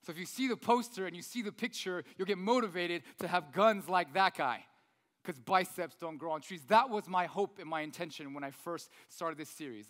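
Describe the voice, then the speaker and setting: A man preaching a chatty sermon as a pastor, reading scripture and correcting himself as he goes, his voice ringing with a big hall echo. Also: high voice. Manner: chatty, self-correcting, often adds "right?". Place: church hall. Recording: loud voice in an echoey hall.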